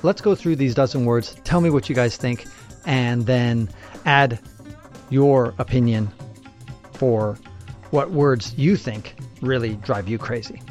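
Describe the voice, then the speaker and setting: A man hosting a podcast, talking casually with animated, opinionated asides. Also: mid-range voice. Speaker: podcast host.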